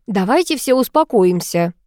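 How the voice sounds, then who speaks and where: A woman voicing a calm male king who speaks in a level, placating, formal way in an audiobook. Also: medium pitch, moderate pace, no echo, studio quality, natural voice. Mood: composed. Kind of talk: audiobook character voice.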